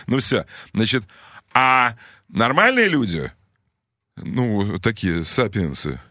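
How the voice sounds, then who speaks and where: A man's voice: lowish voice, sing-song, takes it slowly, sharp tone, dry recording, clean studio sound. A male radio host who talks in a rambling, irreverent, joking way. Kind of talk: radio talk show.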